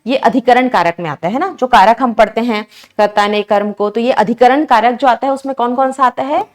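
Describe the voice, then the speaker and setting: A woman teacher with a slightly high voice talks through exam questions. She keeps asking her students questions and builds each answer step by step. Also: fairly quick. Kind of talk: exam prep lesson.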